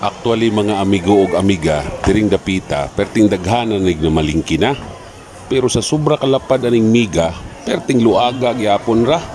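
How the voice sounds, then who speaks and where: A cheerful man vlogging as he walks through a large indoor market, calling out loudly to vendors on a handheld phone. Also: fairly low pitch, lively intonation, moderate pace. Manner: cheery, loud, calls out to vendors. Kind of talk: casual walking vlog. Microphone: phone held while walking. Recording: loud market noise behind.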